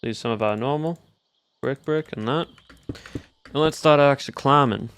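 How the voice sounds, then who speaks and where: Chatting loosely during a game stream, this man adopts a faux Southern drawl that lingers on each sentence ending. The recording is clean, and his medium-pitched, slightly bright voice moves a little slowly.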